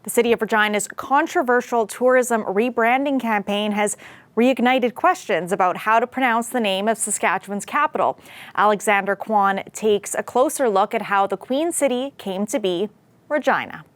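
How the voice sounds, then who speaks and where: A woman anchoring an evening news broadcast, reading a scripted report in a steady, clear manner. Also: medium pitch, moderate pace.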